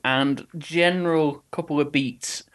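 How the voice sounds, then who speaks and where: A man's voice: a little high, steady tone, slow pace, a bit bright. A man chatting casually about a film and its game, often restarting his sentences and quoting lines in dry put-on tones. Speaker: podcast co-host. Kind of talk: casual chat.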